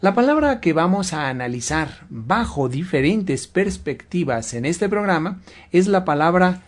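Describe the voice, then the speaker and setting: A man speaks slowly and deliberately. He sounds like a guest lecturing on a religious radio program, laying out each point in a measured way. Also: sits high, big pitch swings. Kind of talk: slow explanatory religious radio talk.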